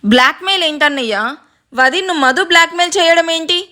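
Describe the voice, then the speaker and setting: Storybook role: a woman playing a timid soft young man, hesitant, bright tone. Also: very high-pitched, brisk, voice pushed up. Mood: nervous. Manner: hesitant, stammering.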